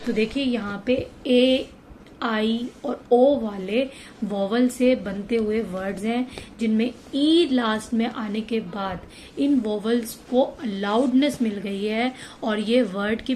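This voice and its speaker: A woman teaches children a spelling lesson in a slow, unhurried way. Her voice sits fairly high, and she patiently repeats and draws out each example word. A faint hiss hangs under the recording. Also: darkish tone. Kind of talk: explaining lesson to kids.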